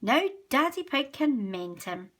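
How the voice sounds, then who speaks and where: A woman reads aloud, putting on a full character voice for a kind mother pig from a cartoon storybook, soothing and reassuring. The voice is high, pitched above her own, fairly bright, measured in pace, with big pitch swings.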